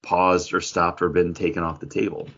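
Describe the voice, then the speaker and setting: A man co-hosts a pop culture podcast, joking around in a relaxed, conversational way. His voice is low, creaky and fairly bright, with a flat delivery at a moderate pace. The podcast audio sounds dull and lo-fi.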